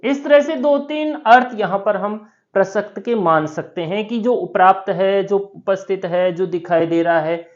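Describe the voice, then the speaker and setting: A woman lectures on grammar at a slow, deliberate pace. She repeats key terms and poses questions to her students before answering them. The audio is somewhat dull and lo-fi. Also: medium pitch. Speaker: Sanskrit grammar teacher. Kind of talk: classroom lecture.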